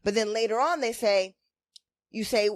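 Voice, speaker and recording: A woman's voice: fairly high pitch, moderate pace, no room sound. A woman chatting casually as a co-host, giving opinionated recap commentary in a blunt, emphatic, sassy way.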